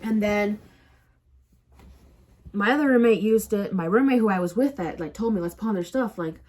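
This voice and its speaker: A young woman tells a personal story straight to the camera in a loose, rambling way. She mocks herself often and fills her speech with likes and you-knows. Her voice sits at an ordinary middle pitch for a woman. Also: moderate pace, darkish tone. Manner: rambling, self-mocking, lots of fillers. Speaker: vlogger. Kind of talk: casual storytelling vlog.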